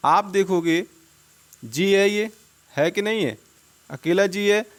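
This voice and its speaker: A man's voice: high-pitched, slow pace. A man teaching an English spelling lesson in Hindi over slides, who keeps asking questions and answering them himself and repeats each word.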